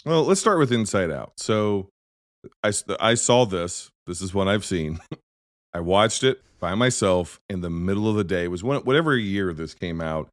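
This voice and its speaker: Deep-voiced man rambling about movies. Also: moderate pace, no room sound, studio quality. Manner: rambling, self-interrupting, animated storytelling. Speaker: podcast host. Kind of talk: casual movie chat.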